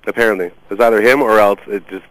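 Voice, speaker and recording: A man, co-hosting a casual podcast and telling lively stories about his radio producer work. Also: on the low side, very fast, no room sound, poor audio. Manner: animated, acts out quotes of others. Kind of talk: casual chat, storytelling.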